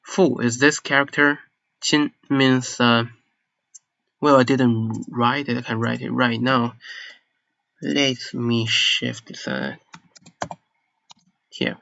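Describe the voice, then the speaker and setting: A man's voice: mid-range voice, fairly even intonation, vocal fry, sharp tone, dry recording. A man whose first language is Mandarin Chinese gives a casual spoken lesson, searching for words and sometimes poking fun at himself. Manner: unhurried, searching for words, self-deprecating. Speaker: video creator explaining a language. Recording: slightly dull lo-fi recording.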